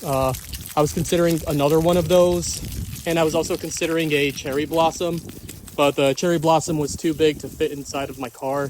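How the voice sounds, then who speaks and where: A man's voice: a little high, a little mellow, slight background noise. Enthusiastic man vlogging in his garden. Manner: enthusiastic, repeats praise words. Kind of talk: casual garden vlog. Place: outdoors in a garden.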